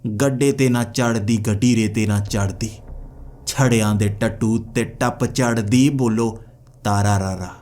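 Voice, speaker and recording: A man's voice: lowish voice, flat delivery, a little fast, hardly any pauses, a little mellow, natural voice. A man voicing an ancient, eccentric male spirit who threatens and chants nonsense rhymes. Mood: singsong. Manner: singsong nonsense phrases, threatening.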